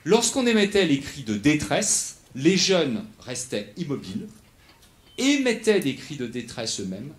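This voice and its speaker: A man's voice: on the high side, big pitch swings, measured pace. A man giving a lecture, explaining step by step, often restarting and checking in with the audience. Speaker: researcher giving a lecture on animal acoustics.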